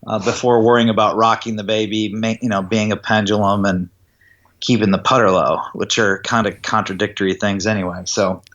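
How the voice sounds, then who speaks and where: A man's voice: on the low side, flat delivery, a little fast, a bit bright, highs cut off. A man who teaches golf putting, explaining his approach in an interview and often checking that the listener follows. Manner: explanatory, checks in with "does that make sense". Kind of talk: interview conversation.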